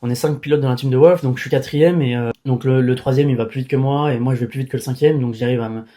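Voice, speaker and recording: A man's voice: medium pitch, steady tone, fast talker, warm tone. A young man, an amateur racing driver, talking casually and informally to the viewer, with many fillers and restarts as he gives advice. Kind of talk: casual talk to camera.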